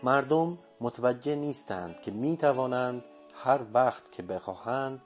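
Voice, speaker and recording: A man reading an audiobook voices a calm, assured old male sage who speaks in firm, confident pronouncements. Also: mid-range voice, faint music behind, lightly acted.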